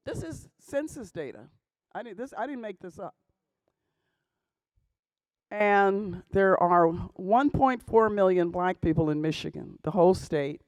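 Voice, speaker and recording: A woman with a mid-range, darkish voice presses her message to a gathering of pastors, repeatedly asking "okay?" and raising rhetorical questions. No room sound comes through.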